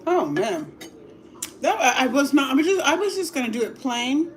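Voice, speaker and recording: A middle-aged woman hosting a casual livestream at home, chatting slowly while eating and savoring each bite with hums. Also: sits high, a little hiss or hum. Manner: slow and relaxed, savoring food with hums. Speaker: livestream host.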